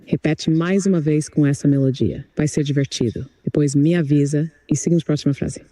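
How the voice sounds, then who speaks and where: A man's voice: fairly high pitch, fairly even intonation, fairly quick, dark tone, no room sound. A computer-generated male voice acting as an English tutor, speaking in an upbeat, encouraging, polished way. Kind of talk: chatbot voice giving an English lesson.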